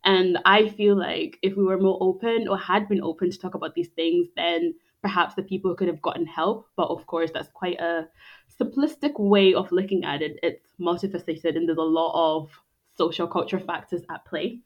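Speaking at a normal pace in a lowish, steady voice, this podcast guest answers interview questions in a thoughtful, conversational way over somewhat dull audio. She is in her twenties, grew up in Scotland after being born in Zimbabwe, and graduated in psychology and counselling.

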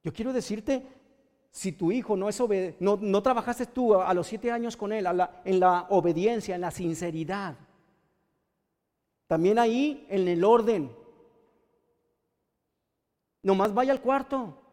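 A Mexican man preaching with a very high-pitched voice. He presses the congregation with pointed rhetorical questions. His words ring out with a long reverb, as in a church hall. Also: unhurried, pauses often, a little mellow. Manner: addresses listeners directly with pointed rhetorical questions. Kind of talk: sermon.

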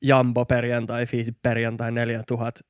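A man's voice: completely flat delivery, dry recording. A man co-hosting a casual podcast chat, boisterous and swearing freely, speaking into a close studio mic. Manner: boisterous, swears, bursts into high whoops. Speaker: podcast co-host.

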